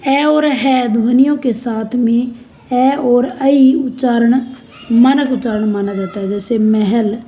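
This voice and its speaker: A woman teacher lecturing at an unhurried, measured pace, her voice soft and mellow. She lays out each point and then lists examples one after another. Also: a little high. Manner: slow, deliberate explaining, spelling out examples one by one. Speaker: Hindi language teacher. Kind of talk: recorded lecture for university students.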